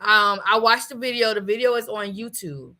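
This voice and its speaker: A woman hosting a casual talk show, chatting in an animated way and laughing often. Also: mid-range voice, moderate pace, poor audio. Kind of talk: casual chat.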